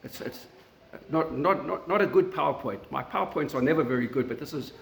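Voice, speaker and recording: A man from South Africa with a South African accent, giving an academic lecture in a university meeting room, halting often with fillers and restarts. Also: on the high side, expressive, vocal fry, a little hiss or hum. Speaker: guest lecturer. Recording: echoey lecture room recording.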